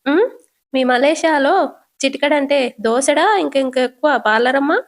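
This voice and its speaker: A brash young son, as a woman puts him on in a storytelling recap. He teases and mocks with sarcasm, in a high voice. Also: moderate pace. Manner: teasing, sarcastic.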